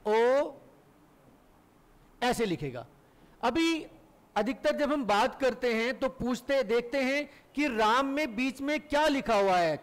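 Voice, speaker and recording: A middle-aged male Hindi teacher with a very high-pitched voice gives a classroom lecture. He poses questions to the class and answers them himself, stretching out vowels to demonstrate.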